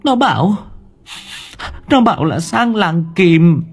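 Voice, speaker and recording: Man doing a high whimpering old village wife, tearful, terrified, storybook figure. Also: big pitch swings, slow pace, slightly rough, full character voice. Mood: sobbing, frightened. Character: sobbing terrified older village wife, a woman.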